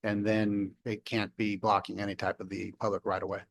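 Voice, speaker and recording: A man's voice: fairly low pitch, flat delivery, a little fast, creaky. A man on city staff patiently explaining an ordinance at a public council meeting, with some ums. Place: council chamber.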